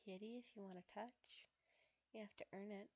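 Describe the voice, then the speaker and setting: A woman's voice: mid-range voice, moderate pace, darkish tone, dull audio, natural voice. A woman reading as a teasing bashful teen girl.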